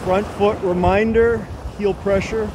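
Male fitness coach, fairly high voice, aerobics-instructor cueing in clipped commands, surf noise behind. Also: steady tone. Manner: brisk, short commands and encouragement while exercising. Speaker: fitness coach leading a workout. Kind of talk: aerobics-instructor style exercise cueing with counting. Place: outdoors on an open sandy beach by the water. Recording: noisy outdoor recording with surf and wind.

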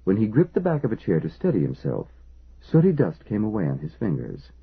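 A man reading an audiobook as narrator, in measured, lively storytelling. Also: lowish voice, vocal fry, slightly rough. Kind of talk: scripted narration. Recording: tinny phone-like band.

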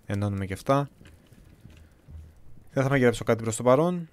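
Young man from Greece, casual game commentary, chatty, slightly hoarse, keeps clearing his throat. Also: mid-range voice, lively intonation. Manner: chatty, talks to viewers, jokey self-talk. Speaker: gameplay commentator.

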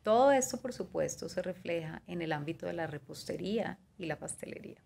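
A guest speaker on pastry and cuisine, a woman in her thirties, gives a measured, partly read talk over a video call webcam from a small room. Her lowish, slightly mellow voice has a gravelly fry and lively intonation as she goes through long lists item by item, filling pauses with "eh" and "digamos."

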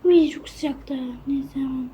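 A woman narrating a game role-play in soft, half-whispered asides. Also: high-pitched, moderate pace, a little hiss or hum.

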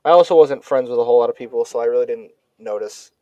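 A man's voice: mid-range voice, fast, darkish tone, dry recording, muffled recording. A young man hosting a podcast, chatting casually and slangily with his friends. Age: young adult. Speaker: podcast host. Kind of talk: casual chat among friends.

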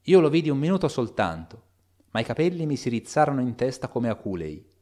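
A man's voice: mid-range voice, big pitch swings, brisk, mellow. A man voicing an elderly, frightened and loyal male butler in a spoken audiobook, with an urgent, pleading delivery. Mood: fearful.

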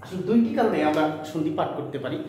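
A man teaching a school grammar lesson, repeating key phrases slowly and pausing with fillers. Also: fairly high pitch, animated, warm tone. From Bangladesh. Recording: echoey room from far off, faint noise.

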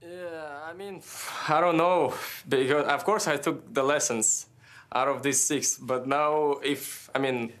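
Speaking unhurriedly in a fairly high, fairly bright voice, a young male tennis player in his twenties talks through his match afterward. It's a post-match interview via remote video link from a press room, shot head and shoulders, and he fumbles for words, starts sentences over and laughs along the way.

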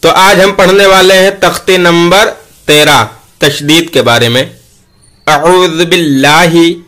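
A patient male teacher in a step-by-step recitation lesson, with a slightly raised voice. He speaks very slowly, stretching each syllable and repeating every rule several times. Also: fairly high pitch. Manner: draws out sounds slowly while spelling letters. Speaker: Quran reading teacher. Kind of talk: slow spelled-out recitation lesson.

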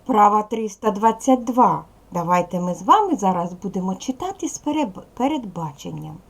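Woman teacher, video lesson for young kids, animated intonation, gravelly edge, clear patient delivery. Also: mid-range voice, normal speed. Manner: clear, patient, addressing pupils directly. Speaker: primary school teacher. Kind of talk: recorded video lesson for children.

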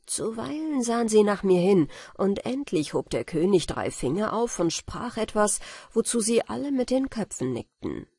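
Woman reading a bedtime fairy tale, husky, dry close sound. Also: mid-range voice, sing-song, moderate pace, hardly any pauses, dark tone, dry recording. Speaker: audiobook narrator. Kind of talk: bedtime storybook narration.

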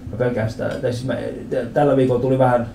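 A man's voice: medium pitch, vocal fry, slight background noise. Guy doing standup in a comedy club, acts out every voice, swears a lot, echoey room. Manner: animated storytelling, acts out quoted voices, swears freely. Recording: roomy club with audience laughter.

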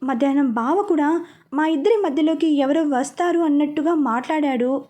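A woman's voice: high voice, moderate pace, dark tone, close to an everyday voice. A woman voicing a sulky, playful young woman in a storybook reading, pouting and teasing.

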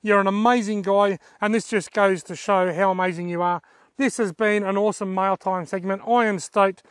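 This fishing vlogger, an Australian man in his forties, hosts casual, enthusiastic vlog talk to camera outdoors on a dirt track through bushland. He has a high-pitched voice with fairly even intonation and a moderate pace, and the recording is dry.

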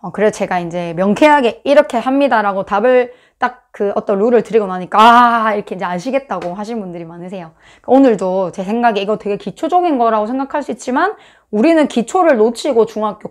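This English teacher speaks fast and animatedly at a medium pitch, with a Busan Korean accent. In her casual, chatty grammar lesson, she acts out the examples using sound effects.

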